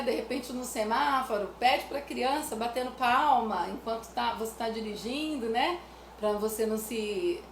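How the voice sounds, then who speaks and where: A woman from Brazil, explaining music activities for children to parents in a chatty way, often adding "né?". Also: on the high side. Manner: chatty, repeats "né?" often, sings nursery rhymes as examples. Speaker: music educator. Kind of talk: casual teaching talk to parents. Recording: echoey room with faint noise.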